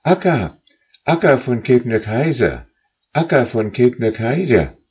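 Wild geese call out in high, piercing cries, as a man puts them on. The calls come in quick repeated bursts. They sound thin and a little muffled, like an old audiobook recording. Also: very animated, a little mellow, breathy edge, exaggerated voice. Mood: urgent calling. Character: flock of wild geese calling from the rear.

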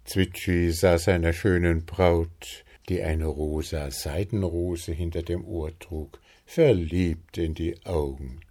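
A man narrating a children's storybook in a calm, unhurried, gently playful way. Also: low-pitched.

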